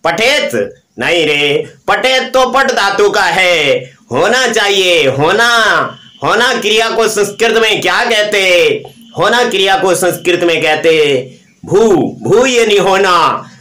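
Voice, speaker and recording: High-voiced male teacher drilling verb forms. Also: expressive, slow pace, pushed and bright, echoey room. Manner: drills verb forms aloud, asks and answers his own questions. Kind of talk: live online grammar lesson.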